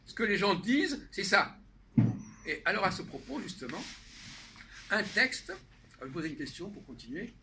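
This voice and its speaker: A man's voice: sits high, very animated, normal speed, pauses often, bright, forceful tone, slight background noise. A French man leading a casual philosophy café discussion, questioning and lecturing, often laughing as he talks. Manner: questioning, didactic, laughs while talking. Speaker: discussion leader.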